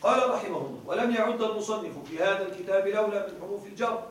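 A high-voiced man lecturing in a strongly echoing room, with his voice coming from some distance away from the mic. He reads a passage out, explains it, and keeps checking that his listeners are following along. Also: quick pace, slight background noise. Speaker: grammar teacher. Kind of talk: classroom lecture explaining a grammar text. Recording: very echoey room, voice from far off the mic.

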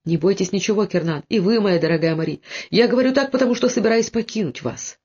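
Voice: mid-range voice, quick pace, darkish tone, breathy edge, close to an everyday voice. A reader voicing an ardent young nobleman. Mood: impassioned. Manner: impassioned, earnest. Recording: dull lo-fi audiobook recording.

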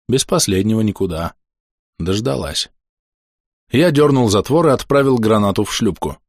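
Low-voiced man narrating an audiobook. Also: darkish tone, no echo, clean studio sound. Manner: measured, dramatic first-person storytelling. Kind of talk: scripted narration.

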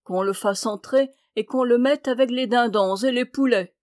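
A woman voicing a spendthrift king in a storybook, giving brisk commands. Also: fairly high pitch, a little mellow, dry recording, clean studio sound, lightly acted. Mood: laughing. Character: spendthrift laughing king, quick to rage.

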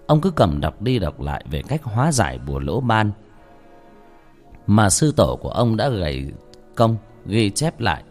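Male storyteller, low voice, lively swings in pitch, dramatic ghost story narration, faint background music. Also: moderate pace. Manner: dramatic, suspenseful.

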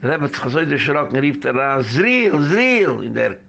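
A man's voice: medium pitch, fairly even intonation, fast talker, creaky, fairly bright tone. A man who is a rabbi, giving a rambling community lecture that tells stories and drops in English phrases. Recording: dull lo-fi recording.

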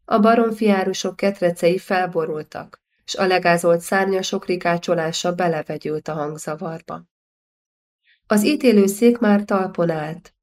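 Measured woman narrating an audiobook. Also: on the low side, darkish tone. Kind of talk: scripted narration of a historical novel.

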